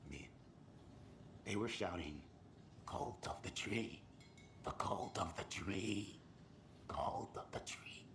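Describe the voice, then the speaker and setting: Rattled guy witness in a game, slangy, slow lowish voice. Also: fairly bright tone, exaggerated voice. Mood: shaken. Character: shaken, slangy male tourist witness. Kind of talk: video game voice acting. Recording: faint background ambience noise.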